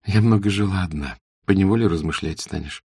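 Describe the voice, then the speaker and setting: A man voicing a shy, observant young woman in a classic novel audiobook, speaking softly and earnestly. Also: deep voice, a little fast, husky, no echo, clean studio sound. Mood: reserved. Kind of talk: audiobook character reading.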